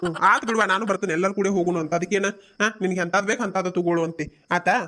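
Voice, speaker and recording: A woman's voice: mid-range voice, very fast, slight background noise, lightly acted. A woman voicing an easygoing, placating village father in a cartoon, with a North Karnataka Kannada accent. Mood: agreeable. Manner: calm, placating.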